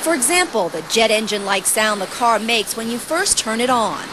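A woman TV reporter reading a scripted news feature voice-over in a polished, even delivery. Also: on the high side, normal speed, noisy background. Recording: voice-over with music bed.

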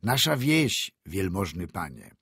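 Brief: male narrator putting on a raised, hoarse-edged rustic driver, bellowing at his horses. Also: low voice, sing-song, slow, no room sound, studio quality, heavily acted. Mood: hearty. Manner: hearty loud shouting peasant speech. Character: gruff rustic male peasant sleigh driver. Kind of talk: audiobook character voice.

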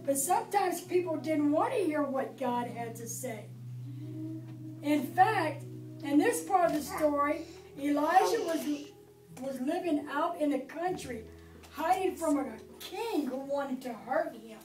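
Reading a Bible story to preschool children in a church classroom, a middle-aged woman invites them to join in. Her voice sits high and is animated, a little slow and a little mellow, with faint music behind it. The sound comes from a distant camera in an echoey room.

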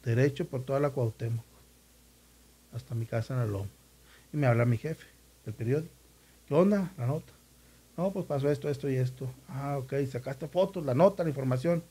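Husky man telling a story. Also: mid-range voice, fairly quick, dark tone. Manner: vivid retelling, acts out quoted voices. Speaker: former newspaper reporter, podcast guest. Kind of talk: casual storytelling chat.

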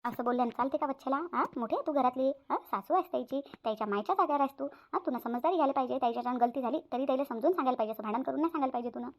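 An elder aunt in a cartoon, played by a woman who lectures. Her voice is high and her delivery quick. She sounds reproachful, telling the mother-in-law how she ought to behave. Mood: reproving. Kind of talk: cartoon voice acting.

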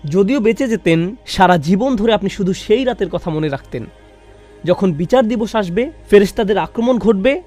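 A man's voice: high voice, lively intonation, normal speed, darkish tone, faint music behind. A man voicing a religious lecture in translation, reciting verses and asking rhetorical questions. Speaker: Bengali voice-over of a Quran lecture.

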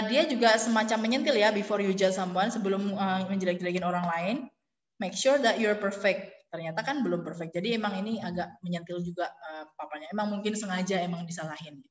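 A woman lecturer giving a classroom lecture, mixing in English phrases and pausing on fillers as she explains. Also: medium pitch. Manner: explains in Indonesian mixed with English, many fillers. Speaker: university lecturer. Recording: echoey classroom with long reverb.

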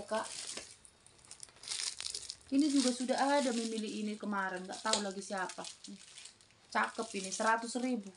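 A middle-aged Indonesian woman sells secondhand bags online, running casual, repetitive live-selling patter as she calls out items and prices. Her voice is on the high side, recorded in a small indoor room with a little hiss or hum.

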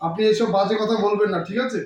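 A man playing a fast-talking, urgent younger brother. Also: high-pitched, darkish tone, natural voice. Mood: firm. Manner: urgent, soothing, repetitive. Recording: echoey room, far from mic, faint noise.

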